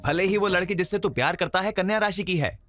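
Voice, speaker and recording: A man's voice: high voice, a bit bright, faint music behind. A smug scheming fake godman. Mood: mocking. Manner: smug, mocking, drawn-out pronouncements. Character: scheming middle-aged male godman, smug and vengeful. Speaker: fake holy man villain. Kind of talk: Hindi film dub.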